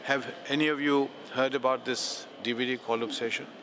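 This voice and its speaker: A man interviewing people for a documentary, asking probing questions with many pauses and fillers. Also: medium pitch, steady tone, a bit bright, slight background noise. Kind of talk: on-the-street questioning.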